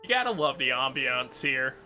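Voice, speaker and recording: A male game streamer with a very bright, forward voice. He comments casually and slangily on what he plays, with faint music behind him. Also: mid-range voice, big pitch swings, moderate pace. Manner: informal, slangy, reacting aloud. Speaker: video game livestreamer.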